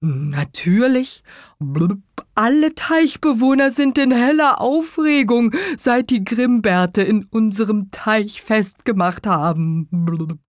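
A woman's voice: a little high, lively intonation, takes it slowly, dry recording, studio quality. A woman doing a blubbing fat carp. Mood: gossipy. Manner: blubbing between phrases. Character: fat male carp who blubs between sentences. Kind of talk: children's audio story.

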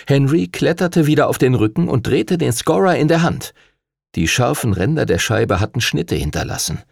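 A man narrating a children's fantasy audiobook in an expressive, dramatic way. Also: fairly low pitch, vocal fry, husky, dry recording, studio quality.

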